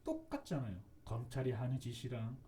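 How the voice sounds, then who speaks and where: Guy preaching hard, repeats himself, keeps asking rhetorical questions, super mellow dark voice. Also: mid-range voice, big pitch swings, a little fast, slight background noise. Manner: emphatic, repetitive, rhetorical questions. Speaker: religious commentator. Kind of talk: impassioned preaching talk.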